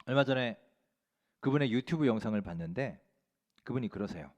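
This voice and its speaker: A man's voice: medium pitch, animated, brisk, a little mellow, highs cut off. A man pastor delivering an earnest Sunday sermon in a church, full of rhetorical questions and exhortation. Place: church sanctuary.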